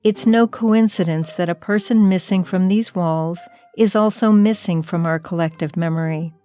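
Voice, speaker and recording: A woman hosting a documentary podcast, narrating in a measured, reflective storytelling manner. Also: lowish voice, warm tone. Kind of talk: scripted narration.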